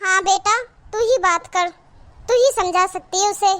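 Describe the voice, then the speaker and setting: A woman voicing a caring middle-aged mother in a cartoon, speaking gently and reassuringly in a very high voice. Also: a little slow, full character voice. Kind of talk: cartoon voice acting.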